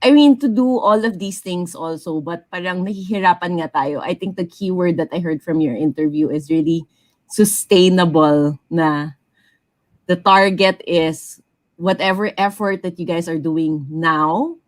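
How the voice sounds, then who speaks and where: Low-voiced woman host, dry sound. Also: moderate pace, no room sound. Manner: warm-hearted, rambling, restarts often. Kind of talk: casual chat.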